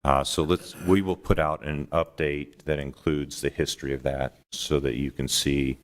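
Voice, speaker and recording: A man briefing a city council in a quick, measured way, with frequent fillers. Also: extremely low pitch, flat delivery. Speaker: city official.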